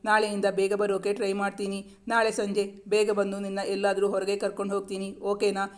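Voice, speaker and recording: A man's voice: high voice, completely flat delivery, fairly quick, close to an everyday voice. A man reading the lines of a tender, teasing young husband in a storybook romance, speaking in affectionate, coaxing questions. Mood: gentle.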